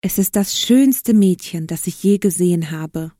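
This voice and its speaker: A courteous young prince from a fairy-tale storybook, read out by a woman in her own mellow voice. He talks slowly and softly, in a dry, close recording. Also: lowish voice, dry recording, close to an everyday voice. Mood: admiring.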